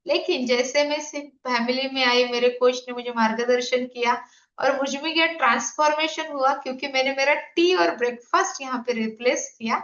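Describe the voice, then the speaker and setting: A woman's voice: high-pitched, moderate pace, a bit bright. A woman, a health coach explaining slides in an online presentation and putting questions to her audience. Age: 50s. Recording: echoey, dull lo-fi room sound.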